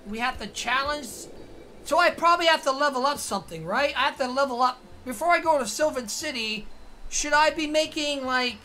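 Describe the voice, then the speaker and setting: A woman's voice: sits high, pushed and bright, slight background noise. A woman streaming a video game, thinking aloud and asking herself questions as she plays. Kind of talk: casual gameplay commentary. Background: faint game music.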